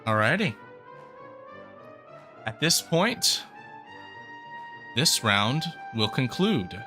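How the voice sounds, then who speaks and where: A man's voice: mid-range voice, very animated, extremely slow, sharp tone, soft background music. A man narrating as game master of a tabletop game in an easygoing, descriptive way.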